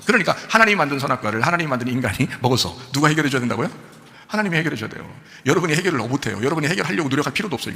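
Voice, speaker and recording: A man preaching at a very fast clip, his voice bright and sharp-edged. He keeps firing rhetorical questions at his congregation and answering them himself, rising and falling in a lively, animated way. His words trail off into the long reverb of a church hall. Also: mid-range voice, gravelly. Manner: animated, jumps between quiet asides and loud emphasis. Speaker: pastor. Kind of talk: sermon. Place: church sanctuary.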